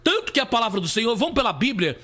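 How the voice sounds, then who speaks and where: A man's voice: extremely high pitch, big pitch swings, racing, pushed and bright. A man, a bishop, giving an emphatic testimony sermon on a live stream, telling his story and calling his listeners beloved. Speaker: bishop preacher.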